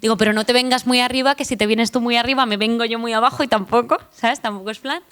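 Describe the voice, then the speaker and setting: Speaking fast in a fairly high, bright and steady voice, a young woman with a Madrid Spanish accent delivers a humorous conference talk before an audience. She recounts personal stories, pokes fun at herself and turns to the crowd with asides.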